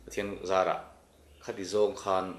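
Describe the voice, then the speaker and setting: A man who is a psychiatrist, a guest on a faith talk show, explaining things in a calm, measured way. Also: reverberant, a crowd in the background.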